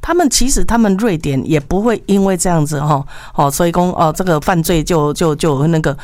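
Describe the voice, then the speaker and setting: A woman with a Taiwanese accent co-hosts a casual call-in radio chat, mixing Mandarin and Taiwanese Hokkien. She speaks colloquially and emphatically, repeating phrases and often using tag particles. Her voice is fairly low and darkish, slightly fast, and recorded dry.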